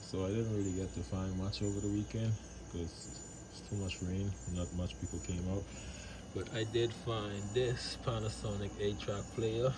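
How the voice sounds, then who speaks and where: Recorded on a phone outdoors at a flea market and on a porch, this vlog is hosted by a man who resells flea market finds. He speaks at a normal speed with a fairly low, steady voice, keeping his phrasing easygoing and slangy. Insects and passing vehicles make the recording noisy.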